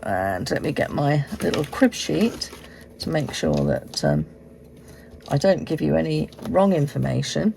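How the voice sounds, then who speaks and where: Female tutorial host, hoarse and froggy after being ill, low register, casual unhurried delivery, faint room noise behind. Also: big pitch swings. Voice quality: hoarse, croaky like a frog. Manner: unhurried, explaining step by step. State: croaky voice, recovering from illness. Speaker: host of a card-making tutorial. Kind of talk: casual craft demonstration. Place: indoors at a craft desk.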